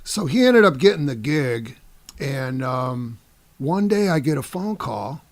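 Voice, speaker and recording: A man in his sixties from the Detroit area, a guest musician telling an animated story in a casual interview, laughing often and dropping "man" and "you know". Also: mid-range voice, unhurried, no room sound.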